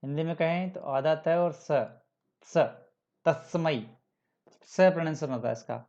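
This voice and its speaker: A man teaching the German alphabet, spelling out letters slowly, repeating example words and mixing English words into his explanations. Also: on the high side, a little mellow. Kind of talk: classroom-style alphabet lesson. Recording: dull, slightly lo-fi sound.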